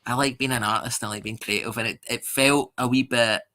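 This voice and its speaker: A Scottish man in his thirties, a comedian chatting in a casual interview, animated and sweary, acting out other people's voices as he tells stories. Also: medium pitch, fairly quick. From Scotland. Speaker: stand-up comedian guest.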